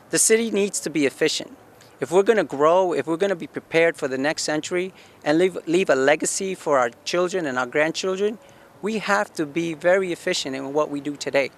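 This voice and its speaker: Forties man from Guatemala, earnest local candidate with a slightly raised voice who asks and answers his own questions. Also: fairly high pitch. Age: 40s. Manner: earnest, asks himself questions and answers them, frequent restarts. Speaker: city council candidate. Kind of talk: campaign statement to camera. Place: outdoor rooftop deck in a city.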